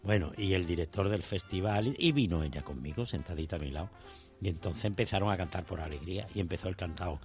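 Expressive man, low voice. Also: fast talker, faint music behind. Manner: expressive, mimics flamenco singing and voices. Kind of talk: anecdote telling on radio.

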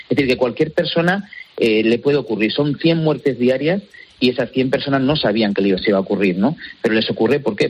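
Husky man selling defibrillators. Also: mid-range voice, highs cut off. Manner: earnest, persuasive, repeats himself. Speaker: guest promoting defibrillators. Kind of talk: radio interview.

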